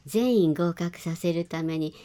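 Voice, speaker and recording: A woman's voice: lowish voice, a little slow, warm tone. A woman cram school teacher speaking politely and formally as a guest on a radio talk program.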